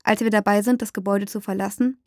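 A woman narrating a first-person story aloud, dramatic and rising to shouts in the dialogue. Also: mid-range voice, fairly even intonation, fast talker, no room sound, studio quality.

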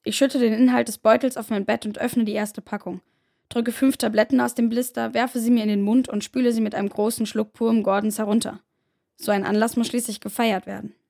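A woman reads a first-person story aloud at a steady, measured pace. Her voice sits a little high and carries a gravelly, creaky edge. It sounds like audiobook narration.

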